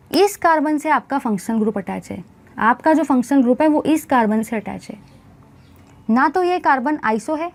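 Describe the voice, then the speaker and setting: A woman teaching a chemistry class, asking questions and answering them herself, calling the students bhai and guys. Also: sits high.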